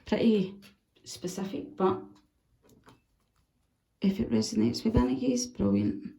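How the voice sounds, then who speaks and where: A woman giving a casual, chatty tarot reading, animated and swearing freely. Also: mid-range voice, a little slow, vocal fry, roomy sound. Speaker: tarot reader.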